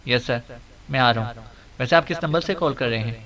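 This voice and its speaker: A man's voice: medium pitch, fairly bright tone, lightly acted. A man voicing an eager, apologetic male assistant answering a phone call, recorded on a distant mic. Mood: dutiful. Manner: apologetic, dutiful.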